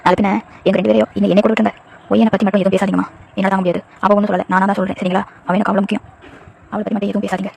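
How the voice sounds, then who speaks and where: A devoted young husband, as a woman narrator reads him in a fan story, earnest and protective. He speaks quickly with little rise and fall in pitch. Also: level tone, gravelly, a little mellow, a little hiss or hum, natural voice. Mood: firm. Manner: earnest, firm in defense of his wife.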